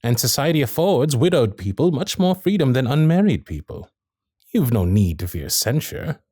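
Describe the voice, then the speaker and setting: A male actor plays a courtly, infatuated Victorian suitor, protective and witty, in an ASMR romantic roleplay period piece. His medium-pitched, slightly rough voice moves at a moderate pace with genteel, flirtatious diction and lively intonation, sounding earnest and coaxing. A close studio mic gives an intimate, dry sound with no room echo.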